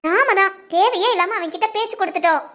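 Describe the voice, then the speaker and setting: A woman playing a caring village wife who speaks gently and coaxingly. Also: very high-pitched, quick pace.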